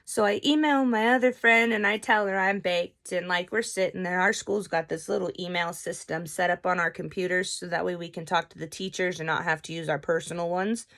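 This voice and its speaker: A young adult woman vlogger tells a story in a casual, animated way and swears freely. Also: lowish voice, brisk, gravelly, hardly any pauses. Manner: animated, profane, chatty.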